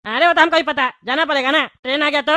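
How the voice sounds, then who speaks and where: A woman's voice: sits high, steady tone, quick pace, sharp tone, no echo, studio quality. A woman voicing an irritated, complaining male travel companion in a comedy skit, with a Bhojpuri-region Hindi accent. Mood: exasperated. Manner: exasperated, complaining.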